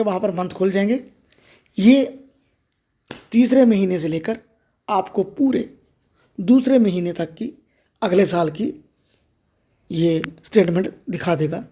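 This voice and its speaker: Woman tutorial host with a mellow voice. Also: mid-range voice, unhurried, pauses often, husky. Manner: explanatory, addresses viewers directly. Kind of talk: step-by-step screen reader tutorial.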